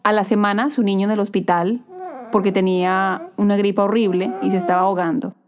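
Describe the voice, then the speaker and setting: A woman in her thirties, a new mother, chatting casually and telling stories with lively acted-out quotes. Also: medium pitch, fairly quick. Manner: animated storyteller, acts out quoted voices. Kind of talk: casual chat.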